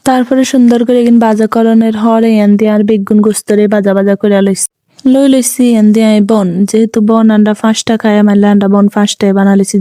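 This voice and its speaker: A woman's voice: medium pitch, dark tone, no echo, studio quality. A woman with a Chandpur Bengali accent narrating her home cooking video in a chatty, rambling, self-deprecating way. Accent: Chandpur Bengali dialect. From Bangladesh. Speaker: cooking vlogger. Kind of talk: casual voice-over narration.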